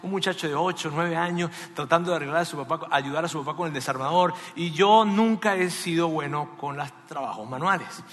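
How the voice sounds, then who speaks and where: A man preaching a sermon with passion and dramatic swings between loud and hushed. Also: on the high side, a little fast, few pauses. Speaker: pastor. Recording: echoey hall.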